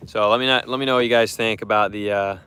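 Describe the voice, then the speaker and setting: A man's voice: on the low side, fairly even intonation, fast, bright, forceful tone, slight background noise. A young man chatting casually to his live stream viewers while fishing from a boat on a lake, rambling and repeating himself. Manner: rambling, repeats words, talks to chat.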